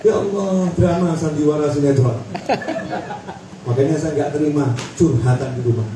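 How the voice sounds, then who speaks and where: High-voiced preacher guy going loud then low, repeating lines over and over, super echoey far-off hall sound. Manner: animated, swings between loud high exhortation and low drawn-out words; repeats phrases in rhythmic runs. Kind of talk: Ramadan sermon to a crowd. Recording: echoey, from far off, faint noise.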